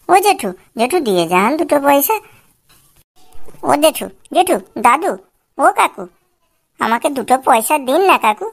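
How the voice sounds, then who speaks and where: A woman's voice: sits high, creaky, full character voice. A woman voicing a whiny male beggar in a cartoon, pleading in a wheedling sing-song. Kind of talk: comic cartoon voice acting.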